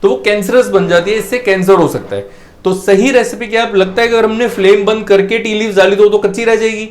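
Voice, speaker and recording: A male English teacher with a Punjabi accent who explains patiently during a cooking demo and slows right down whenever he repeats a phrase in English. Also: high-pitched, steady tone. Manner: switches to English and says the phrases slowly and carefully.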